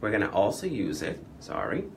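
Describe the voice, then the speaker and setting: A man's voice: on the low side, brisk, creaky, a little hiss or hum. A man working as a makeup artist, chatting through an on-camera makeup demonstration and often asking questions. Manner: animated, chatty, asks the viewer questions.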